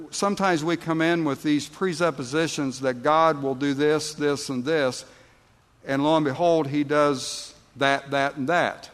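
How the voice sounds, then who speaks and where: A man preaches a sermon in a church, his voice sitting a little high for a man. He takes his time, leaning on words and pausing, then punches out emphatic lines. The sound carries a long reverb from a large hall. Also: fairly bright tone. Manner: slow, deliberate preaching with emphatic outbursts. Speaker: pastor.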